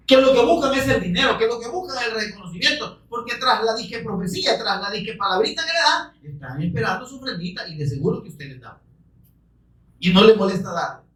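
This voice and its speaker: A man preaching a sermon who bursts into shouting and presses listeners with rhetorical questions. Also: high voice, roomy sound, far from the mic, low-quality recording. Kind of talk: evangelical sermon.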